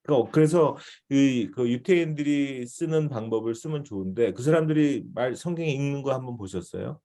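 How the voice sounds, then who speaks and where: A man's voice: mid-range voice, fairly quick, dark tone. A male missionary teaching a devotional seminar in a conversational way, often checking in with his listeners.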